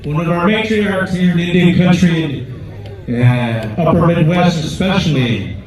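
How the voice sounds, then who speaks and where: A man working as a powwow emcee, announcing over a PA with drawn-out names and joking asides. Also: fairly high pitch, darkish tone. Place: large powwow event over loudspeakers. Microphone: PA microphone, recorded at a distance. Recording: echoey PA from far off, crowd around.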